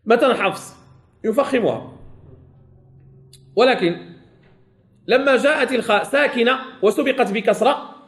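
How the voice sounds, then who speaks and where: A man with a Moroccan Arabic accent teaching a Quran recitation class. He corrects his students and stretches out sample words slowly, saying them again and again. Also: extremely high pitch, fairly bright tone. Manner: corrects students and checks they follow. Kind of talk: classroom tajweed lesson.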